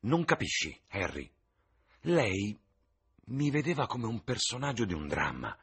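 Man voicing an infatuated young man, audiobook reading, eager and rising, lively swings, husky edge. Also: on the low side, a little slow, pitched above the performer's own voice, exaggerated voice. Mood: ardent. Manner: eager, rising, breathless enthusiasm.

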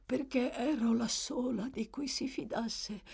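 A woman voicing a feverish, guilt-ridden dying old pauper woman who gasps and breaks into whispers and high cries. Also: takes it slowly, darkish tone, slightly rough, full character voice. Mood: delirious.

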